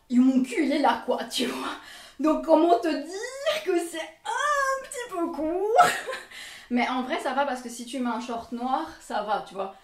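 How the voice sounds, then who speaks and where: A chatty Belgian fashion vlogger with a Belgian French accent and fairly high voice does a casual try-on haul in her bedroom by a mirror. She's self-mocking and laughs often, recorded in an echoey room from a distant mic.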